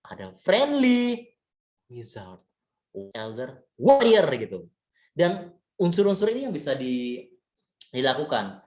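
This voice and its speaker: A man giving a relaxed, chatty leadership lecture, full of fillers and tag words, mixing in English terms. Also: a little high, slow pace, long pauses. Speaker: leadership trainer. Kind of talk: casual webinar lecture. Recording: echoey room.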